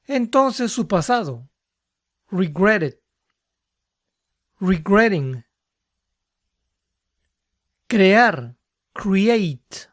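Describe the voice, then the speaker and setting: Brief: unhurried language teacher, mid-range voice, dry close sound, methodical delivery. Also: medium pitch, animated, no echo. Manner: slow, deliberate, spells out rules step by step. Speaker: English teacher. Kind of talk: instructional lesson.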